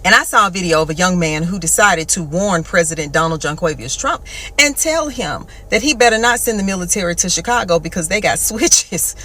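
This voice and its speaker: A woman's voice: fairly low pitch, expressive, fairly quick, sharp tone. A woman giving sassy, mocking reaction commentary, talking down with pet names like love and baby.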